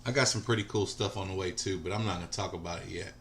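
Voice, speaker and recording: Chatty man in his forties, low voice. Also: fast talker, very noisy. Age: 40s. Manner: chatty, greets viewers and answers chat by name. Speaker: livestream host. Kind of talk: casual livestream chat.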